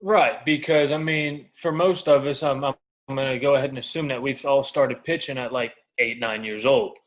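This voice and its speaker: Interviewed about his life as a professional baseball pitcher, a man in his twenties speaks casually and openly, sharing stories in colloquial terms. His voice is mid-range and steady, moving at a moderate pace.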